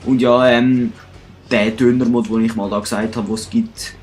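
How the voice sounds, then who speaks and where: A man's voice: medium pitch, little pitch movement, moderate pace, a little mellow, faint music behind. A man with a Swiss German accent giving casual, chatty commentary over his gameplay, joking at his own mistakes. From Switzerland. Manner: chatty, self-mocking, talks to himself and viewers. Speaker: let's play host.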